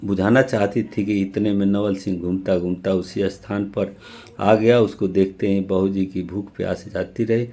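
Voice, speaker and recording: A man narrates a literary story in a measured, formal manner. His low voice is gravelly, with a dark, mellow tone and a steady delivery.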